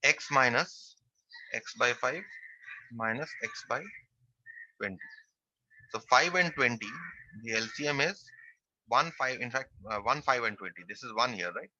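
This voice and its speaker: A man's voice: mid-range voice, measured pace, long pauses, pushed and bright, dry recording, highs cut off. A man teaching a math class online, working through a percentages problem step by step and repeating the key phrases.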